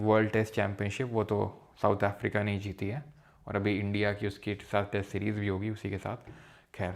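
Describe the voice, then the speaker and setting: A male teacher giving a recorded geography lecture in a casual, playful way, making jokes and memory tricks and mixing English terms into his speech. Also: fairly low pitch.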